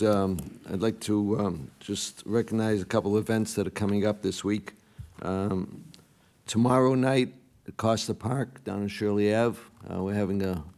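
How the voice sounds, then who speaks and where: Male councilor, hoarse raspy whisper edge, gravelly and low, hesitant public remarks. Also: darkish tone. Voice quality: raspy, strained, partly whispery. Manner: halting, hesitant delivery. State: hoarse, recovering from a lost voice. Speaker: city councilor.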